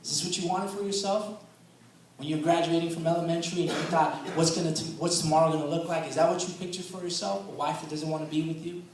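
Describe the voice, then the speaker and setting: A man preaching to a men's gathering, telling his story casually, with lots of "man" and repeated words. He gets loud and forceful on key points, and his voice sits a bit higher than most men's. It is recorded from a distance in a very echoey hall with a faint hiss underneath. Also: fairly even intonation, quick pace. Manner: rises loud and intense for emphasis. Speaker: guest preacher. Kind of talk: sermon.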